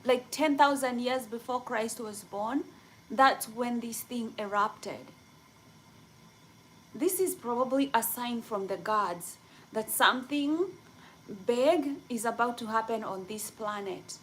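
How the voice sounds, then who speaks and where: A young woman from Kenya chatting casually with viewers on a livestream, rambling excitedly with many fillers. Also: a little high, takes it slowly, a little hiss or hum, poor audio. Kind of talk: casual live chat.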